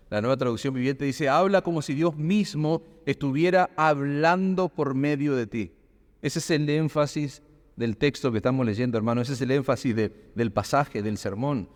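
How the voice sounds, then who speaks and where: A man's voice: medium pitch, a little mellow. A man preaching a sermon, asking rhetorical questions and building emphasis. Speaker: pastor. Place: church hall. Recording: long hall reverb.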